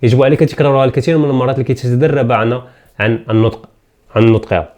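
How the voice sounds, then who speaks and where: A man with an Algerian accent teaching English pronunciation, saying each word again and again slowly and switching between Arabic and English. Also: medium pitch, fairly even intonation, darkish tone. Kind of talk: pronunciation lesson.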